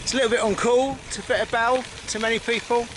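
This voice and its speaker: A man's voice: very high voice, fairly even intonation, fast talker. A man from the United Kingdom casually talking to camera while riding a bike on an outdoor path, rambling with fillers and restarts. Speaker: cycling vlogger. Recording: outdoor wind and road noise.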